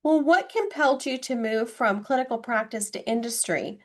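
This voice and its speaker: A woman's voice: a little high, normal speed. A woman hosting a podcast, reading a polished scripted introduction and asking interview questions. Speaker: podcast host, recruiter.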